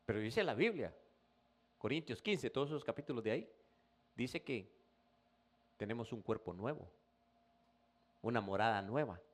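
A man's voice: medium pitch, expressive, normal speed, pauses often. A male pastor preaching a sermon in a conversational way, often addressing the listener as brother and rising into emphatic bursts.

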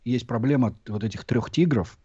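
Born in Russia and now living abroad, this YouTube host reflects and explains at length in a casual chat, using lots of fillers. His mid-range voice moves at a moderate pace, warm with a breathy edge. The sound is dull and lo-fi.

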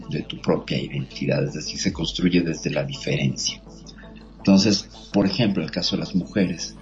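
Hosting an explanatory talk show, a man with a very low voice and vocal fry explains things in a measured, lecturing manner. The audio is dull and lo-fi, with faint music in the background.

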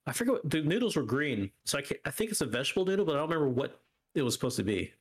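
Speaking rapid-fire in a somewhat high, sing-song voice with a breathy edge, this male podcast co-host keeps the talk casual and rambling. He banters with the live chat, teases and wanders off into asides.

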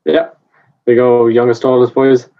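A man's voice: medium pitch, flat delivery, a little slow, dull audio, a little hiss or hum. An eighteen-year-old man with a west of Ireland accent from Galway, chatting casually as an interview guest. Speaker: Irish dancer, guest.

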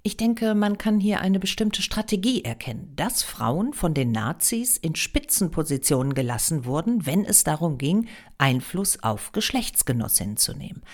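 A woman's voice: low voice, very animated, moderate pace, few pauses. A woman explaining history as a podcast host, with wry, ironic emphasis.

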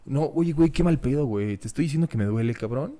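Slangy young Mexican man, mellow voice. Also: mid-range voice, expressive, fast. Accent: Mexican Spanish. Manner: slangy, emphatic, peppers speech with swearing. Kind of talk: casual chat.

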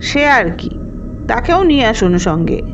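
A woman voicing a curt stranger man in a raincoat, speaking in a broken, hoarse voice. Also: fairly high pitch, sing-song, unhurried, music in the background. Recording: dull lo-fi recording with noise.

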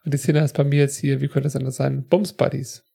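A man co-hosting a podcast, giving chatty, reflective commentary on a TV episode with quick asides. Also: mid-range voice, little pitch movement, gravelly, dark tone, husky. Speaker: podcast co-host. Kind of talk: casual chat.

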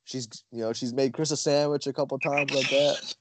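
A man's voice: mid-range voice, steady tone, brisk, a loud crowd. A man in casual podcast chat, laid-back and slangy, often restarting his sentences. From Long Island. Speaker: podcast co-host.

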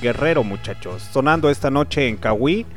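A man's voice: medium pitch, lively intonation, normal speed, faint music behind. A man from León, Guanajuato, with a Bajío Mexican accent, hosting a casual radio chat, slangy and joking, swearing freely. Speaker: radio host.

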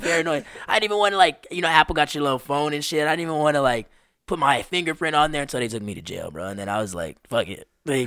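A man in his twenties, a guest on a podcast, telling stories in an animated, slangy way. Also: mid-range voice, no echo, studio quality. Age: 20s. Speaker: podcast guest, street performer. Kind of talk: casual conversation.

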